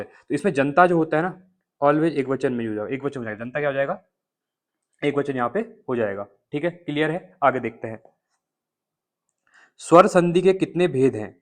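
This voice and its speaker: Slightly high-voiced male exam coach. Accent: Uttarakhand Hindi. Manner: explains answers step by step, repeating checks with listeners. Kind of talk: exam question walkthrough.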